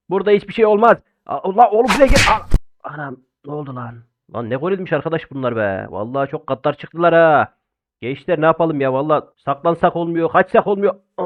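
A young man doing loud, exclamatory let's-play commentary while playing an online game, swinging between shouts and low muttering. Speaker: gaming YouTuber. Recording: phone-like narrow band.

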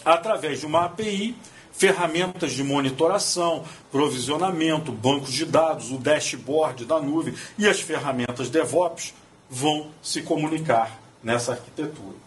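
In an auditorium, a man with a Brazilian Portuguese accent works hesitantly through a technical talk, restarting and using many fillers. His voice is on the high side and normal in speed, recorded by a far-off mic with a bit of background noise.

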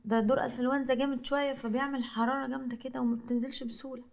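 An actress playing a gravely ill young woman who softly reassures the people around her. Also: high-pitched, flat delivery, very fast. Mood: weary. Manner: soft, reassuring, weary. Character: sick young woman, gentle and brave. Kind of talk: TV drama acting.

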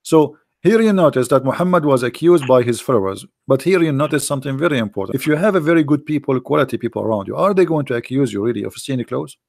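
Hoarse, gravelly man debating online. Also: medium pitch, lively intonation, fast, few pauses, a little mellow, dry recording. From Middle East. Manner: insistent, rhetorical questioning. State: hoarse, losing his voice. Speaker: debate host.

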